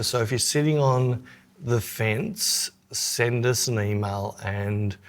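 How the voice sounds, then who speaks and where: A man's voice: medium pitch, a bit bright. A man with an Australian accent co-hosting a podcast, chatting casually in a rambling way. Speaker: podcast co-host.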